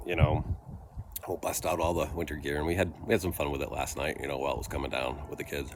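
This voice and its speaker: A man giving a casual, rambling product review, thinking aloud haltingly with trailing pauses. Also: a bass voice, little pitch movement. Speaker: pipe tobacco reviewer. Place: outdoors in a light breeze. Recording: breezy outdoor vehicle-like background noise.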